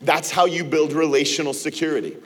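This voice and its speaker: Pastor guy preaching in a church, kinda husky voice sitting a bit high, chatty and acts out little back-and-forths. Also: fairly even intonation, fairly quick, fairly bright tone. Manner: conversational preaching with acted-out quotes and laughs. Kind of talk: sermon. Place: church auditorium.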